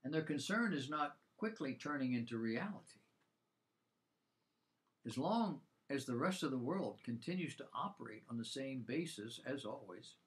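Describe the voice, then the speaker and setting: A man presenting a scripted Bible program, mixing commentary with rhetorical questions and an emphatic delivery. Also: mid-range voice.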